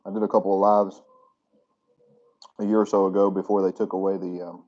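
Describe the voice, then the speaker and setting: A man with a fairly low voice chats casually to viewers on a live stream while eating, talking with his mouth full. He speaks into a phone in a hotel room, and the sound comes through dull and lo-fi. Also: level tone, fairly quick. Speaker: channel host live-streaming.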